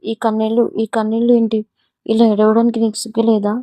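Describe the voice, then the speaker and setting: Lady reading as a harsh taunting young guy in an audio story, flat dark voice, dead dry sound. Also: fairly high pitch, brisk, no room sound, close to an everyday voice. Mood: threatening. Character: domineering vengeful young man, cruel lover.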